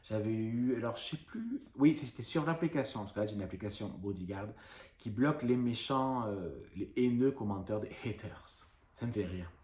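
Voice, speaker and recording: A man in his thirties from France, a YouTuber ranting casually and talking fast, rambling with many fillers. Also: lowish voice, darkish tone, echoey room, slight background noise. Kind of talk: casual vlog rant.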